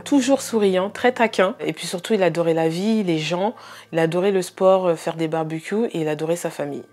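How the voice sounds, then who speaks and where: A woman with a lowish, gravelly voice giving a documentary testimony as a bereaved sister. She talks earnestly and with heavy emotion. Her speech is hesitant and full of filler pauses. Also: a little mellow.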